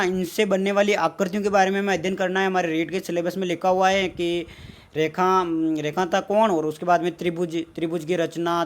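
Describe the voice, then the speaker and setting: A man from India, teaching an exam-prep math lesson at a board. He repeats his points and asks questions that he answers himself. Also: high voice.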